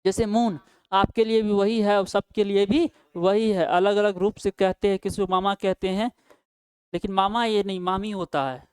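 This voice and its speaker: A man's voice: high voice, clean tone, no room sound. A male teacher gives a grammar lesson, asking questions and answering them himself, with frequent checks like "right?". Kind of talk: Hindi-language English grammar lesson.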